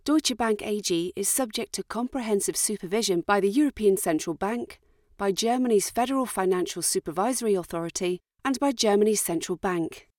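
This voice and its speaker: A woman's voice: medium pitch, fairly quick, no room sound. Woman reading a formal legal disclaimer, dry sound. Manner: formal, steady reading of legal fine print. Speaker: disclaimer reader. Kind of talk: scripted legal disclaimer read.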